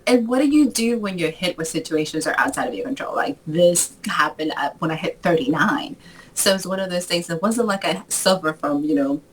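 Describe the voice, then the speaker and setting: A woman in her forties from the Dominican Republic, a lively author guest chatting on a video call and often laughing as she tells stories. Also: on the low side, a little fast, a little hiss or hum, low-quality recording. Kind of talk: casual interview chat.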